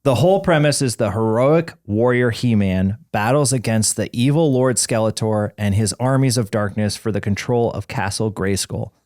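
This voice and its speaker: A man's voice: fairly low pitch, normal speed, few pauses, darkish tone, dry recording, studio quality. A man in his forties, co-hosting a podcast in casual chat and rambling through fillers and restarts. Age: 40s. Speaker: podcast co-host.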